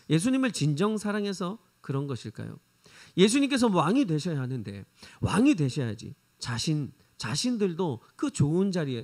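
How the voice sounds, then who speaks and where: A male preacher delivers a sermon in a high voice that swings widely up and down. He keeps asking rhetorical questions and retells the scene dramatically. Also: darkish tone.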